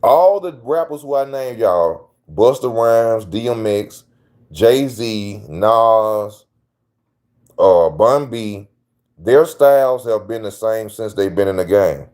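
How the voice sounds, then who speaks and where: Speaking slowly in a lowish, expressive voice with a darkish tone, this man runs his own channel. His commentary is casual and opinionated, full of slang, and he stresses his points by saying them again.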